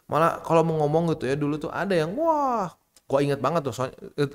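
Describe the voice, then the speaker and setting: Blunt man, higher-pitched. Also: big pitch swings, quick pace. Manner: blunt, slangy and scolding. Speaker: crypto channel host. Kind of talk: casual market commentary.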